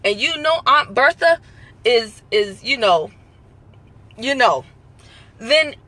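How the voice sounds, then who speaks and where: Southern lady hyping up her live stream viewers, high bright voice, keeps repeating herself for emphasis. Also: animated, slow pace, dry recording. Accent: Southern American. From American South. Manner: emphatic, repeats herself, plays out little phone calls. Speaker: motivational live-stream host. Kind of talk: casual live-stream pep talk.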